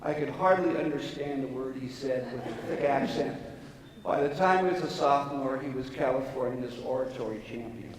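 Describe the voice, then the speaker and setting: A man's voice: medium pitch, normal speed, crowd noise. An older man, a retired drama coach, dry and bantering as he recalls students. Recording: echoey hall from far off.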